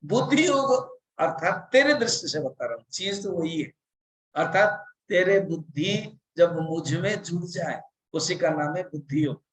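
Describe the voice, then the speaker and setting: A man's voice: sits high, animated, a little slow, a bit bright, echoey room, poor audio. A man voicing the god Krishna, patiently explaining his teaching to a devotee. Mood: reassuring.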